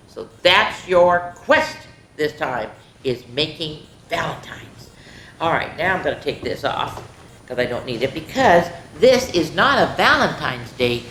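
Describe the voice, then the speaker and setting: Hosting a children's story time, a woman reads aloud with drama and talks straight to her young listeners, full of exclamations. Her voice sits low with a fairly bright tone, and the recording has a roomy echo and faint background noise.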